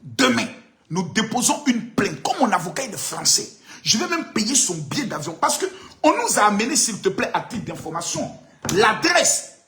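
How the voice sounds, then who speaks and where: A man with a high, bright voice rants on a live stream. His pitch swings widely as he jeers, calls out and mocks in a sing-song way. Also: very animated, moderate pace. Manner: mocking, sing-song taunts and loud shouts. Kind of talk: taunting live-stream rant.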